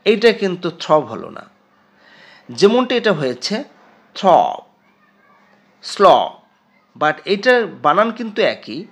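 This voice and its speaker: A male teacher with a Bengali accent walks students through English pronunciation, stressing each word slowly and emphatically. His voice is gravelly and somewhat high, and his pitch rises and falls a great deal. He talks at a slow, careful pace. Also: very animated. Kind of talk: classroom lesson explaining English pronunciation.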